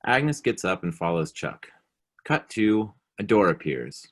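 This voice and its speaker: Low-voiced man narrating stage directions. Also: sing-song, a little slow. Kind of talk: scripted narration.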